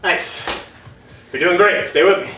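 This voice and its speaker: A man coaching a home kickboxing workout, energetic and encouraging, calling out moves while out of breath. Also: sits high, unhurried. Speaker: fitness instructor. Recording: echoey room from far off, music behind.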